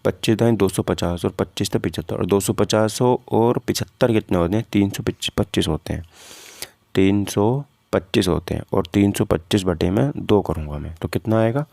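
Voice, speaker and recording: Working step by step through practice questions, a man who teaches physics for exam prep speaks informally in a warm, lowish voice with vocal fry at a moderate pace. He frequently asks questions, then answers them himself, in an echo-free recording.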